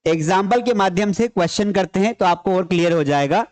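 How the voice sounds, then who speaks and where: A man's voice: high-pitched, a little fast. A man teaching a grammar class, repeating key points and asking questions he answers himself. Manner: repeats key points, explains in Hindi mixed with English terms. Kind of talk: classroom lecture.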